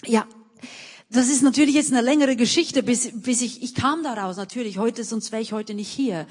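A woman's voice: fairly high pitch, moderate pace, a little mellow, slightly rough, big-room sound. A woman being interviewed, telling her own story earnestly with many restarts. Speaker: missionary and author, interview guest.

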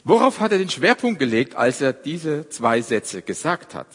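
A man preaching a sermon at a church service, stressing his words one by one and often dropping to a quiet close. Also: a little high, very animated, moderate pace, husky. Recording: long hall reverb.

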